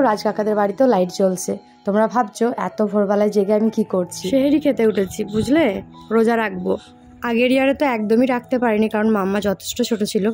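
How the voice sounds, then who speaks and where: A woman's voice: medium pitch, warm tone. A young woman, a vlogger and mother, chatting to her viewers in casual voice-over narration. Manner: chatty, talks straight to viewers.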